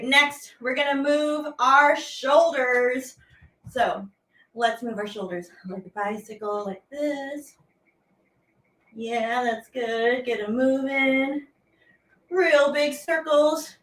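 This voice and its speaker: A woman with a high, fairly bright voice leads a children's lesson as a teaching artist. She speaks playfully and animatedly to viewers at home, using simple, repeated phrases.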